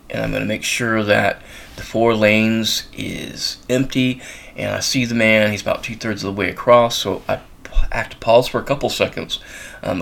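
A man's voice: fairly low pitch, vocal fry, a bit bright. A man hosting his own show, telling a long story in a rambling way, full of ums and uhs. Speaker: podcast host. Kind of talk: casual storytelling. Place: college town in the United States.

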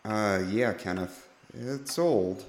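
A man's voice: lowish voice, slow pace, slight background noise. A man playing a weary, unimpressed younger brother who answers hesitantly. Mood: reluctant. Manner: hesitant, flat reluctance. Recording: roomy echo.

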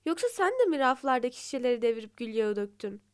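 A woman's voice: a little high, sing-song, quick pace, smooth. A woman doing a cheeky mocking parrot.

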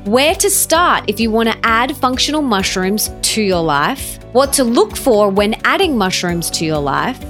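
A woman's voice: fairly high pitch, sing-song, measured pace, few pauses, a bit bright, faint music behind. A woman hosting a podcast, reading her intro and interviewing with gushing enthusiasm. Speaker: podcast host. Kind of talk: scripted intro, then interview.

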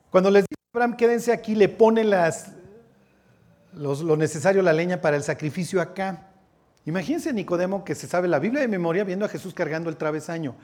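A man's voice: high voice, darkish tone. A man with a Mexican Spanish accent teaching a Bible sermon in a chatty way, often checking in with his listeners and dropping slangy asides. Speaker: preacher.

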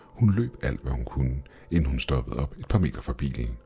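A man narrating a first-person horror story in a measured, steady way. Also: very deep voice. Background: faint background music.

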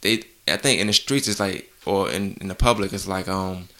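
A young man hosting a casual interview, asking questions in a quick, animated, conversational way. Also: low voice. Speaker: interview host.

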